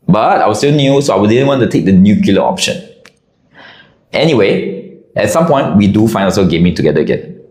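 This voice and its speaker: A man telling a casual anecdote with an animated, expressive delivery. His pitch moves around a lot as he talks. The recording has a noticeable roomy echo. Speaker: storyteller. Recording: echoey room.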